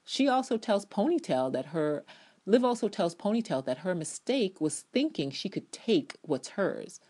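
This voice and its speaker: Her voice is lowish with a dark tone. A woman who reviews TV episodes, she delivers a dramatic reading of her written review, pressing her opinions hard, drawing out important words and slipping in offhand asides.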